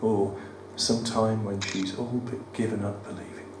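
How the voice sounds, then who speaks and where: A man's croaky voice, sitting on the low side, carries a West Midlands English accent as he reads his poems with a level tone at a moderate pace, adding wry, self-deprecating banter. He is a performance poet at a live cabaret event in a studio theatre. He was recorded from a distance, and the roomy venue brings in room noise and audience ambience.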